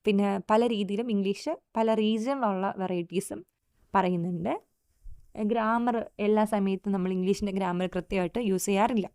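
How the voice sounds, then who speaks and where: A woman with a Malayali accent teaches a lecture, switching between Malayalam and English. She reads English definitions out slowly and deliberately. The sound is dry and close, with no room around it. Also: medium pitch, darkish tone, clear, resonant tone, dry recording.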